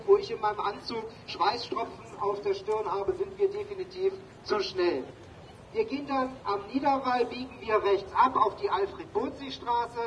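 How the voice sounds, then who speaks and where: A man with a high, bright voice addresses a rally outdoors through a megaphone. He lays out the plan with dry, joking asides. The sound is a little dull, with faint noise behind him. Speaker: demonstration organizer.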